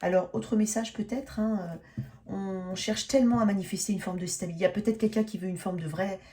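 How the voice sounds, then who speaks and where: A woman's voice: medium pitch, steady tone, a little fast, warm tone, slight background noise. A woman giving a casual tarot reading, talking in a hesitant, searching way with many restarts and a frequent "hein". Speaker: tarot reader.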